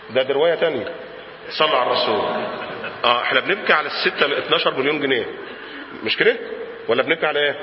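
Animated Egyptian preacher in echoey hall. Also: male voice, on the high side, a little hiss or hum. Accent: Egyptian Arabic. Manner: lively, swings from murmurs to shouts, asks the crowd questions. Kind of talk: sermon. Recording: echoey hall, dull lo-fi sound.

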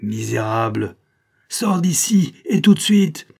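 A man voicing a defiant old male woodsman in an audiobook, speaking loudly and indignantly with a husky voice. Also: mid-range voice, moderate pace, lightly acted. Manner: loud, indignant, rising to shouts.

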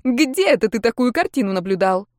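A woman's voice: on the high side, very animated, brisk, a little mellow, dry recording, studio quality. A woman voicing a cold, sarcastic middle-aged ex-wife who speaks in a sardonic, cutting way.

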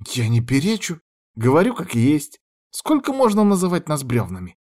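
A man's voice: fairly high pitch, very animated, moderate pace, a little mellow, voice pushed up. A man doing a blunt young female spy trainee. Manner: blunt, matter-of-fact.

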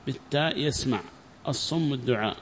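A man's voice: medium pitch, brisk, fairly bright tone, a little hiss or hum. A male teacher giving a classroom lesson on Quran commentary, explaining word meanings step by step, repeating key phrases and quizzing his students.

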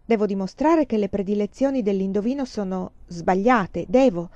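A woman reading a story aloud, voicing a firm, earnest young woman who speaks in a measured way. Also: medium pitch, dark tone, no room sound, close to an everyday voice. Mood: determined. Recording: slightly muffled recording.

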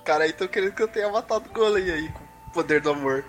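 A man's voice: high-pitched, very fast, faint music behind. A man playing in a live tabletop game, joking playfully. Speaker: player.

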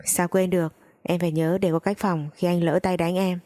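A woman's voice: fairly low pitch, level tone, moderate pace, mellow, natural voice. A woman voicing a two-faced young female friend who talks sweetly while scheming, in a storybook reading. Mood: sly.

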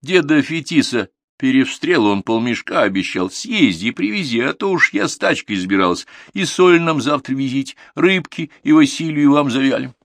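A man voicing a brisk, practical middle-aged farm woman who complains about her chores. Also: mid-range voice, animated, no echo, studio quality, pitched above the performer's own voice, close to an everyday voice.

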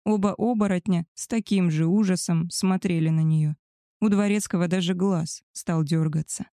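A woman reading a first-person story aloud in a wry, even storytelling manner. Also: on the low side, moderate pace, no room sound, studio quality. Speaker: audiobook narrator.

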